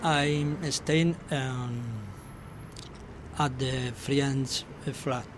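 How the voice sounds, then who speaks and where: A man with a Spanish accent works slowly through a practice conversation in English. His phrasing is hesitant and broken, like a beginner's. Background noise is clearly audible around him. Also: medium pitch, fairly even intonation. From Basque Country, northern Spain. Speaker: English course student. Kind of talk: practice dialogue in a language class.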